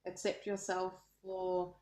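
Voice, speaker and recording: Australian woman, card reader; low, even delivery, earnest and searching; echoey room. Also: takes it slowly. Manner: earnest, searching for words as she reads. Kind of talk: casual spoken card reading.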